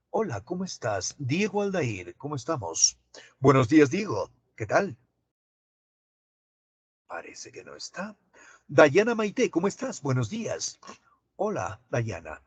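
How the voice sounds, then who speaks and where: A man teaching an online class, asking students drawn-out questions. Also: medium pitch, husky, no room sound.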